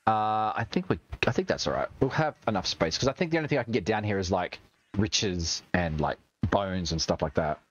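Young Aussie streamer, low voice, animated, cheeky and sweary, slightly muffled mic. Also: male voice, a little fast. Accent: Australian. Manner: chatty, swears and jokes while playing. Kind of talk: gaming livestream commentary.

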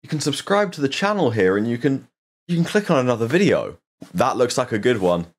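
Animated young streamer. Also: male voice, medium pitch, fairly quick. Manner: animated, swears a lot, exclaims. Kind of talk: casual live-stream chat.

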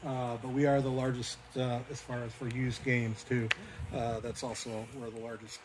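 A man's voice: medium pitch, flat delivery, moderate pace, heavy background noise. A middle-aged man giving an informal, matter-of-fact guided tour as a store staff member, recorded on a handheld camera in a large indoor space. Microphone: handheld camera a few steps away.

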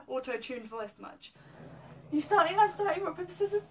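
A woman's voice: extremely high pitch, lively intonation, moderate pace. A young woman hosting a vlog, chatting casually to the camera. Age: young adult. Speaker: vlog host. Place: small room indoors, on a sofa. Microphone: camera a couple of metres away. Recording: slightly distant mic, faint room noise.

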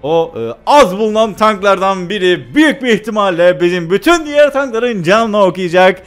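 A young man with a high, expressive voice chats and jokes at a moderate pace while playing a video game, his casual let's-play commentary full of filler sounds. Faint music plays behind him.

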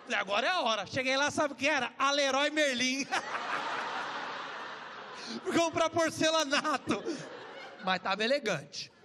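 A man's voice: very high-pitched, lively intonation, big-room sound. Brash Brazilian male stand-up comic. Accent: Brazilian Portuguese. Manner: brash, crude, jokey storytelling with quick voice switches. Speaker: stand-up comedian. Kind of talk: stand-up comedy set. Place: comedy club stage with live audience. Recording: stage recording with crowd and room noise.

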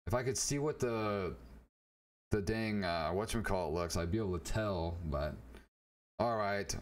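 A man with a slightly low voice chats through a casual live stream as he opens card packs. He rambles to his viewers and grows excitable, talking to one of them by name.

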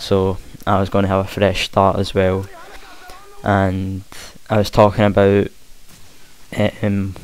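Low, even-toned man with broad Scottish accent. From Scotland. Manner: hesitant, trying to speak clearly. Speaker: gaming commentator. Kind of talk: casual gameplay commentary. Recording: hissy home mic with faint noise. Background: game gunfire.

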